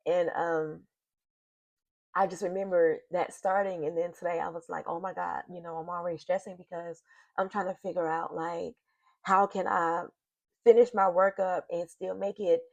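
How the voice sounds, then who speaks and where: A middle-aged woman vlogs casually and confessionally to her viewers from her home office, sighing and emotional as she talks. Her voice sits on the low side with little pitch movement, normal speed and vocal fry. The computer-mic recording is dry and muffled.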